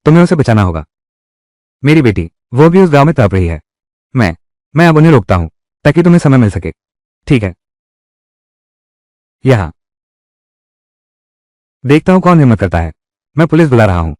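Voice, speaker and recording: A man's voice: medium pitch, sing-song, normal speed, pauses often, a little mellow, dry recording, studio quality. A man dubbing all the roles of a drama, with heated, quarrelsome delivery.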